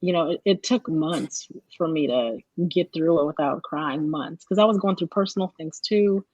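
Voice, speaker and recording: A stage actress in her thirties talks through her stories with lively energy, often restarting her sentences. Her voice is husky, and the recording is dry and close. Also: sits low, normal speed, no room sound, highs cut off. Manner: animated storytelling with restarts. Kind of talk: casual interview chat.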